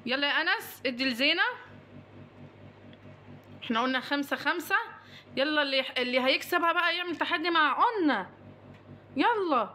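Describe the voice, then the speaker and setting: A high-voiced woman with an Egyptian Arabic accent hosts her family vlog. Her tone is bright and forceful, and she talks fast. She coaxes the children with steady cheer and laughs often. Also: a little hiss or hum. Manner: coaxing and cheerful, laughing often, urging the kids on. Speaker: mother and family vlog host. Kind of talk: casual family vlog, running a game with children.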